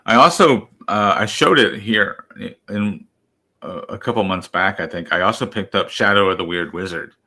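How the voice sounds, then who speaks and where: A man in his thirties co-hosting a casual podcast chat, talking haltingly with many fillers. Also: lowish voice, sharp tone. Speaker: podcast co-host.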